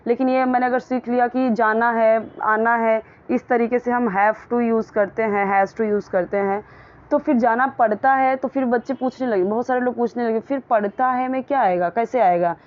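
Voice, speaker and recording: A woman's voice: on the high side, fairly even intonation. Patient woman teaching English, slightly muffled recording. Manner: patient, repeats words slowly to model pronunciation. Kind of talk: explaining English grammar and pronunciation in a casual lesson.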